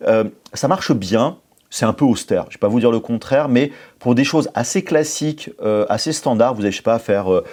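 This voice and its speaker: Casual host, male, mid-pitched, thinking aloud with lots of "euh" as he reviews a CNC machine. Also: lively intonation, normal speed, darkish tone. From France. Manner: hesitant, many fillers and restarts. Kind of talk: casual product review talk.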